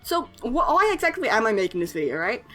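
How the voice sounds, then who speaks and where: A young woman with a higher, slightly bright voice and big pitch swings narrates her editing quickly and casually over soft background music. She's an artist-animator YouTuber who hesitates a lot, leaning on fillers and nervous laughter.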